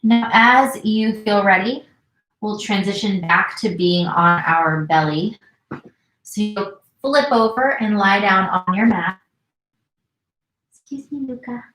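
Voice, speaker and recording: A young woman leads a yin yoga session from her home with slow, soothing guidance. Her voice sits in the middle of her range. The room around her gives the voice a noticeable echo. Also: mid-range voice, faint music behind. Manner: calm, slow, soothing cues with gentle pauses. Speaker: yoga instructor and counselor. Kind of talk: guided yin yoga instruction. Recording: roomy echo.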